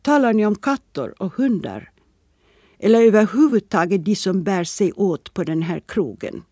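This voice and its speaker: A reader voicing a gruff, bitter middle-aged male sculptor with curt, coarse remarks, in a storybook reading. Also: medium pitch, animated, dark tone, no echo, studio quality, natural voice. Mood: sardonic.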